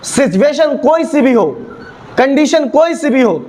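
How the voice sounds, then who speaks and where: A man's voice: very high voice, expressive, measured pace, darkish tone. A man teaching a recitation lesson, drilling with repeated questions and answers and exaggerating heavy and thin sounds to show the difference. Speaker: religious teacher.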